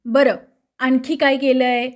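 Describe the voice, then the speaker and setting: A woman reading the part of a brisk, bossy young male police inspector who questions everyone sharply. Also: sits high, flat delivery. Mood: stern.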